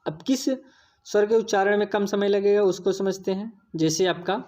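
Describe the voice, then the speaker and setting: Mellow-voiced woman teaching a lesson. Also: medium pitch, normal speed. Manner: explains patiently, repeats key points, addresses viewers as friends. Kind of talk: exam-prep lesson.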